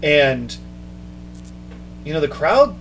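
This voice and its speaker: A man hosting a casual chat, telling a story with mounting excitement. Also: fairly high pitch, very slow, faint music behind, rough recording. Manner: excited storytelling, quoting others in raised voice. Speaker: podcast host.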